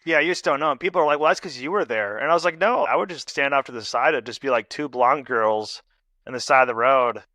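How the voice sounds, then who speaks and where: An American man hosts a podcast in an easygoing but argumentative way, often saying "like." His voice is bright and mid-pitched, and it is recorded close and dry with no room sound. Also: quick pace, no echo. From United States. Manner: casual, argumentative, says "like" often. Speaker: podcast host. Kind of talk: casual interview chat.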